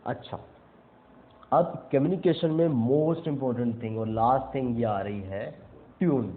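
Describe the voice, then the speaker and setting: A man's voice: mid-range voice, normal speed, a little hiss or hum. Young man teaching over tinny phone-like audio. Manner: explains step by step, punctuating points with frequent check-ins. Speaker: self-improvement speaker. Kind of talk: casual instructional talk.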